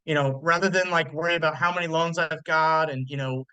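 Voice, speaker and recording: A man in his thirties presents a casual live webinar as a mortgage loan officer, rambling through fillers and restarts. His slightly high voice is steady, a little fast and sharp, with a clean sound and no room noise.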